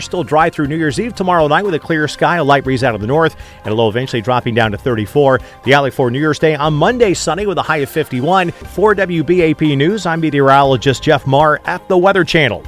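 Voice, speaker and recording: An American man, a meteorologist, reading a scripted radio weather forecast. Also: on the high side.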